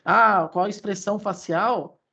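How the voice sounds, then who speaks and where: Husky woman explaining voice science. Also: medium pitch, bright, forceful tone. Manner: halting, with many restarts and fillers. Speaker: voice expert guest. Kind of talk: explanatory conversation.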